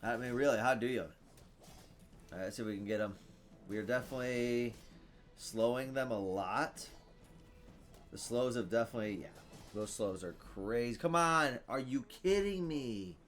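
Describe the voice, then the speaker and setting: A man's voice: on the low side, normal speed, pauses often, soft background music. A man casually commentating his own card game, thinking aloud, reading item text and groaning at bad luck. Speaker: gaming streamer.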